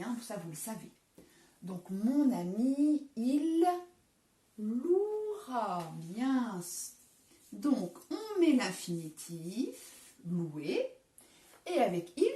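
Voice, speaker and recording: A woman's voice: on the high side, mellow, reverberant. A woman teacher with a French accent, giving a recorded lesson to young children, patiently spelling out word endings letter by letter. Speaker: primary school teacher. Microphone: camera some distance away.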